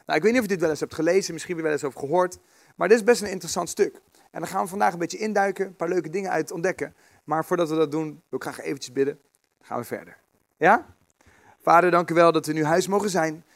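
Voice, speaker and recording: A man giving a relaxed, conversational sermon with many fillers and restarts, reading scripture aloud. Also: fairly high pitch, quick pace, gravelly, no room sound. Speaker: preacher. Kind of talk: informal sermon.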